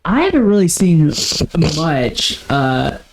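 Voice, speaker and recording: A man's voice: fairly high pitch, very animated, takes it slowly, background noise. A man co-hosting a podcast, chatting casually and often stopping to correct himself. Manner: rambling, self-correcting. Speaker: podcast co-host. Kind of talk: casual chat.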